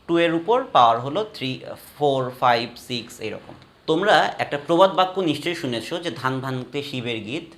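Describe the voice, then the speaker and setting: Slow, patient male math teacher. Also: fairly high pitch, a bit bright. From Bangladesh. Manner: slow, deliberate, spells out steps and counts aloud. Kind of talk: classroom math lecture.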